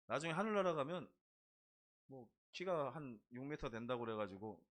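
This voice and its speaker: A man's voice: medium pitch, expressive, moderate pace, fairly bright tone. A middle-aged male pastor preaching in a church, telling humorous stories and putting questions to the congregation. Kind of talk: sermon.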